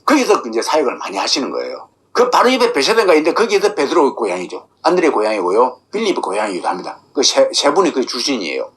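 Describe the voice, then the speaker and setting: A man's voice: mid-range voice, big pitch swings, fast talker, hardly any pauses, fairly bright tone. A man preaching a sermon as pastor, asking his congregation rhetorical questions.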